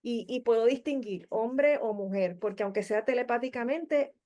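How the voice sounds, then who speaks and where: A woman's voice: a little high, normal speed, dark tone. A woman with a Puerto Rican Spanish accent, sharing her experience on a video call in a chatty way, repeating words and fillers. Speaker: study group participant.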